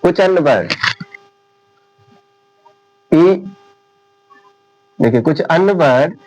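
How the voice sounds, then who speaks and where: A man teaching an English lesson, talking slowly and deliberately and repeating each point. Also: fairly high pitch, lively intonation, darkish tone, low-quality recording. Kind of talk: classroom lecture.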